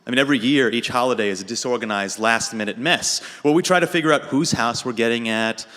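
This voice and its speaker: A young American man telling a dry, deadpan comic story about himself on a radio show. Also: medium pitch, fast. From United States. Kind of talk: humorous personal monologue. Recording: reverberant hall.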